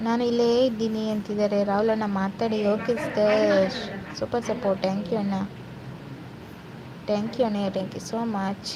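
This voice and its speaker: A woman's voice: mid-range voice, little pitch movement, measured pace, long pauses. A young woman hosting a casual live stream, reading out viewer comments and chatting with them. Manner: chatty, warm greetings to viewers, mixes English words. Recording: noisy phone live stream.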